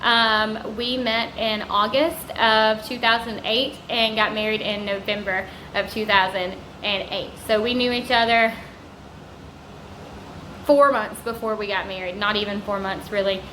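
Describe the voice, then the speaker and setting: A woman in her thirties with a Southern US accent sits indoors at a vacation home, chatting casually to camera in a rambling vlog full of warm asides to viewers. Her medium-pitched voice is steady and a little slow. The rough recording is reverberant, with a little hiss or hum.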